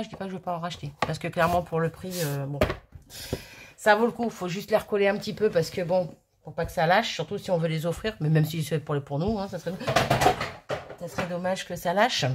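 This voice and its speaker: Chatty woman, lowish voice. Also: a little hiss or hum. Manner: chatty, rambling, self-mocking with little laughs. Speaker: crafting video host. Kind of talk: casual crafting vlog.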